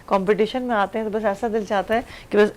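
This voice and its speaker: A woman's voice: medium pitch, fairly even intonation, darkish tone. A woman hosting a TV panel, often chiming in to agree with the judges. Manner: affirming, frequent agreeing interjections. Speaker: host.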